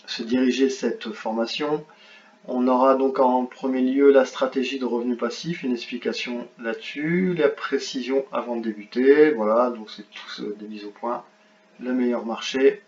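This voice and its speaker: A man walks through an online course on his screen in a relaxed, offhand way, stopping often to hesitate and restart. His voice sits at an ordinary middle pitch. The recording is roomy and lo-fi with a faint hiss underneath. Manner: hesitant, many filler sounds and restarts. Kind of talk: casual screen walkthrough. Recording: roomy, dull lo-fi sound, faint noise.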